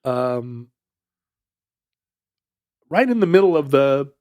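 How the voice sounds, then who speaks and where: A man's voice: mid-range voice, very animated, slow, darkish tone, no room sound. A man co-hosting a podcast, telling a history story in a casual, playful way with joking asides. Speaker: podcast co-host.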